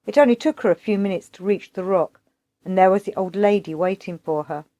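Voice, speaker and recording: A woman narrating an audiobook of a classic novel in a measured, unhurried way. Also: mid-range voice, dark tone.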